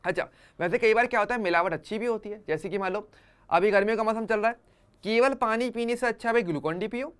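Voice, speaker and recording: A man's voice: sits high, fast talker, a bit bright, smooth. A man teaching an online chemistry class for exam students, conversational, using everyday examples and often checking that students follow.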